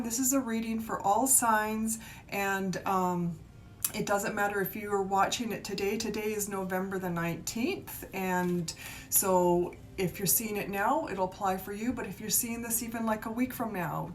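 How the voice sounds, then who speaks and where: Lady doing a live card reading, chatty n encouraging, kinda rambly, rumbly noise in the recording. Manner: encouraging, informal, meandering. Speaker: tarot reader and reiki healer hosting a live stream. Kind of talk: casual live tarot reading, chatting to viewers.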